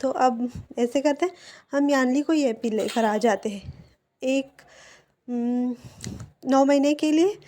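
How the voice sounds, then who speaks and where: Excitable older mother, high and mellow, read by a woman narrator. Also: slow, long pauses, a little hiss or hum. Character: surprised delighted older mother.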